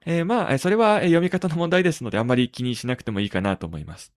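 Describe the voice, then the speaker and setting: A man hosting a tech podcast in casual talk, pausing often on drawn-out fillers between phrases. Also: a little high, no echo, clean studio sound. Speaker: podcast host.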